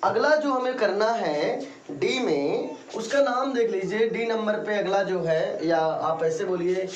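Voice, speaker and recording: A high-pitched male chemistry teacher lectures in an echoey room. He calls his students "beta" and drills terms in call-and-answer. The camera picks him up from a distance over faint ambient noise. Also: animated, a little slow. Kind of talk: classroom lecture.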